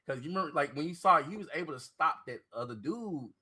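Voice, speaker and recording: A man's voice: a little high, expressive, quick pace, bright, forceful tone, husky. A man co-hosting a podcast, chatting casually and animatedly, often repeating himself and laughing. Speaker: podcast co-host. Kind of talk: casual chat.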